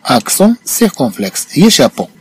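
A Moroccan-accented man teaching a lesson, his voice rising and falling a great deal as he repeats phrases slowly and then explains them. The sound is dry and close, with no room around it. He checks often that his listener is following. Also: mid-range voice, sing-song, slightly rough, no room sound. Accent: Moroccan Arabic. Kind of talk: bilingual language lesson, explaining line by line.

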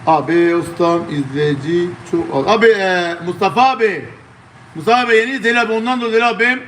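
High-pitched Turkish man calling a live auction. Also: a little fast, a bit bright, slight background noise. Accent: southeastern Turkish. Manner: repetitive auctioneer patter, constantly addressing bidders. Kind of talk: live auctioneer calling bids to online viewers.

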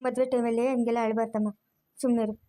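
A woman voicing a warm, firm motherly woman in a cartoon who comforts a crying girl. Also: on the high side, little pitch movement, close to an everyday voice. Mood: comforting. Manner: fast, soothing, repeats comfort.

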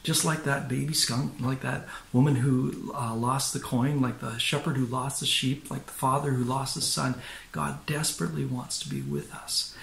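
An older man preaches a gentle sermon from his living room, pausing often and restarting his sentences. His voice has a gravelly fry, and the home room sounds echoey around him. A faint hiss sits under the recording. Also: mid-range voice. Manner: halting, many fillers and restarts. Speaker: pastor.

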